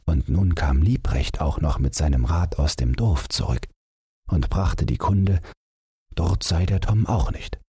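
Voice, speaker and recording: A man reading a bedtime story in a very deep, husky voice that breathes through every word. He narrates slowly and calmly, with a lively, rising and falling melody. The recording is dry and close. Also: no room sound. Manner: calm, expressive storytelling. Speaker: audiobook reader.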